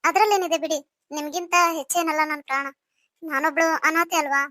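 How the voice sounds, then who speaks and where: A woman's voice: high voice, steady tone, brisk, heavy background noise, close to an everyday voice. A woman voicing a young orphaned wife in a cartoon story, pleading and full of questions. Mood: wounded.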